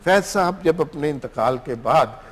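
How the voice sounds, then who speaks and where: A man with a Pakistani Urdu accent hosting a TV talk show, telling anecdotes in an animated way. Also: fairly high pitch, unhurried, breathy edge, in a large hall. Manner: animated storytelling, acts out anecdotes. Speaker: host.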